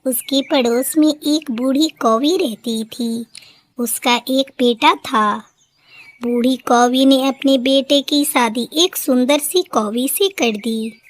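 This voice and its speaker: A woman narrating a children's cartoon story in a steady, scripted storytelling manner. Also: on the high side.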